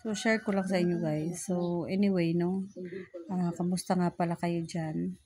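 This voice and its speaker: A woman's voice: lowish voice, unhurried, crowd noise. A middle-aged woman vlogger telling a story in casual chat, acting out what people said in a raised voice and often restarting her sentences. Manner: animated retelling with raised quoted voices.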